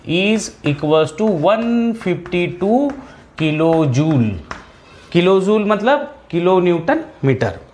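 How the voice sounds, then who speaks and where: A man tutoring engineering students, reading problem text slowly and adding quick asides that keep checking in with "है ना". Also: fairly high pitch. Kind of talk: whiteboard lecture.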